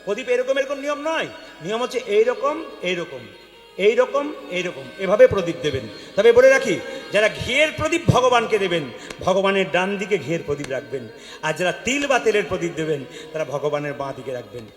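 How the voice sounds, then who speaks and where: A man with a Bengali accent giving a devotional sermon, questioning the audience and asking them to answer loudly. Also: high voice, very animated, fairly quick, faint music behind. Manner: questions the crowd and calls for loud replies. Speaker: kirtan preacher. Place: hall with an audience. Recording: echoey hall with long reverb.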